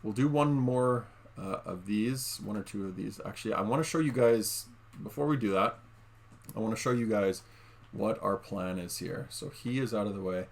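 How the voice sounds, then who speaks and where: A gaming YouTuber with a fairly low voice and vocal fry speaks at normal speed from a room at home. His casual commentary on gameplay is chatty, full of fillers, and addressed to viewers as "guys."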